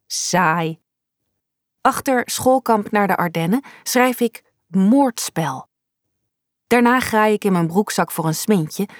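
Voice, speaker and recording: Brief: female audiobook narrator, first-person youth story, measured delivery, dry close-miked studio sound. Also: mid-range voice, no echo.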